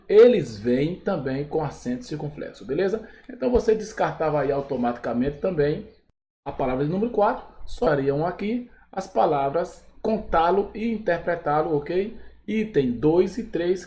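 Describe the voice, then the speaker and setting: A man's voice: fairly high pitch, mellow. A man with a Brazilian Portuguese accent, a Portuguese teacher going step by step through exam questions and checking in with his students after each point. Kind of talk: exam review lesson.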